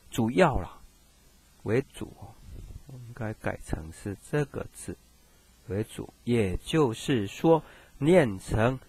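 A man's voice: mid-range voice, darkish tone, slightly rough, no room sound. A man teaching Japanese grammar in a recorded screen lesson, chatty and reassuring as he speaks to students.

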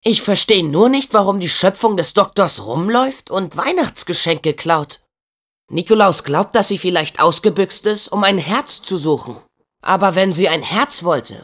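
Another take of the same kind: a young man with a high, slightly bright voice plays the earnest, spirited teenage hero of a video game dub. The boy comes across as plucky and kind-hearted, speaking in casual, youthful terms.

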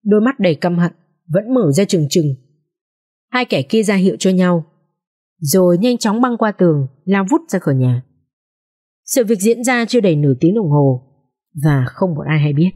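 A woman narrating a dramatic social drama audiobook in an expressive storytelling manner. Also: on the low side, moderate pace, pauses often.

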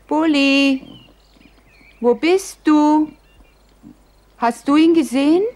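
A woman's voice: high-pitched, takes it slowly, a little mellow. A woman playing a worried dog owner calling for her lost dog in a children's show. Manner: calling out, pleading. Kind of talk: children's television acting.

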